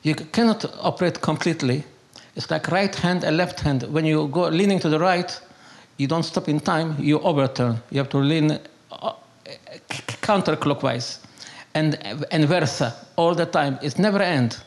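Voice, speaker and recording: Plainly Hungarian in accent and halting in his broken English, an older man recounts his life story for an interviewer. He speaks spontaneously and conversationally, in a fairly high, creaky, gravelly voice, drifting between anecdote and philosophy and doubling up words to make a point.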